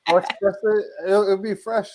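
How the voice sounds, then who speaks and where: A man's voice: high-pitched, flat delivery, mellow, poor audio. Chatty New man with fillers. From Queens, New York. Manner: halting, restarts sentences, many fillers. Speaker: co-host. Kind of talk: casual chat on a live stream.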